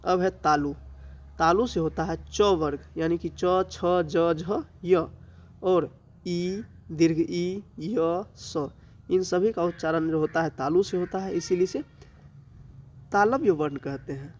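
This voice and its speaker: A male teacher with a Bihari accent giving an exam-prep grammar lesson, listing items slowly and answering his own questions. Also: fairly high pitch, highs cut off. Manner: slow, drawn-out listing with rhetorical questions he answers himself.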